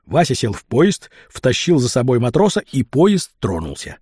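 A male reader narrating a storybook with a lively, expressive delivery, the pitch rising and falling a lot. His voice is husky and a little breathy, and the recording is dry and close with no room sound. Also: moderate pace, no echo. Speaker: audiobook reader.

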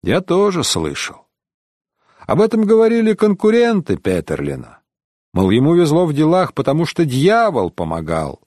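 A man's voice: a little high, huge pitch swings, moderate pace, a little mellow, dry recording, clean studio sound, pitched above the performer's own voice. A man voicing a sarcastic, skeptical young man in an audiobook. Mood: mocking.

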